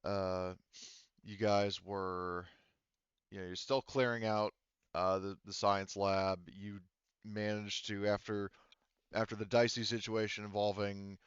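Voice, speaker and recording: A man serving as game master narrates a tabletop roleplaying session casually, pausing and thinking aloud as he goes. His voice sits on the low side with a level, clean tone and no echo, though the voice chat audio is slightly lo-fi.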